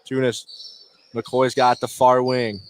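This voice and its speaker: This man's medium-pitched voice moves slowly and flatly as he handles radio play-by-play of a basketball game, clipping the action into brief phrases. He's courtside in an indoor high school gym, where game noise and bouncing basketballs fill the noisy ambience.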